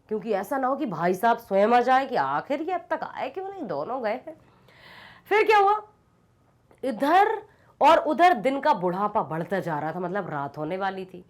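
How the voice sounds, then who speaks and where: Animated woman teacher telling a story. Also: on the high side. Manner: dramatic storytelling, asks students questions. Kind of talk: reading and explaining a Hindi story lesson.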